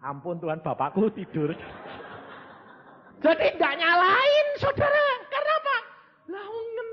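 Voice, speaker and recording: A man's voice: very high-pitched, very animated, a little slow, in a large hall, lo-fi sound. A man preaching a sermon in Indonesian with a Javanese accent, telling stories animatedly and acting out dialogues. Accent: Javanese-tinged Indonesian. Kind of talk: sermon with anecdotes.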